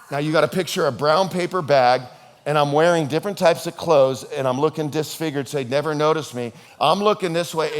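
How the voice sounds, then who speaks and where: A male pastor preaching a sermon, a playful storyteller who jokes around, animated and expressive as he swings between hushed and loud. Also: on the high side.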